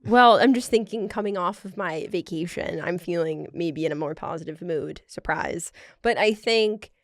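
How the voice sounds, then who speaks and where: A young woman co-hosting a podcast in casual chat, upbeat and teasing with quick asides. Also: on the low side, no room sound, clean studio sound. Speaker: podcast co-host.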